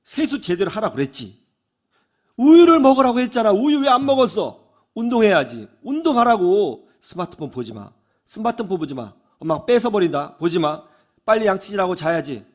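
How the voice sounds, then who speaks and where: A man voicing a nagging mother who scolds her son with rapid-fire questions. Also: a little high, very animated.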